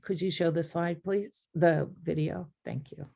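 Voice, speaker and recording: A woman hosting a webinar, speaking in a halting way with many fillers and restarts. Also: sits low, gravelly, dark tone. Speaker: webinar host.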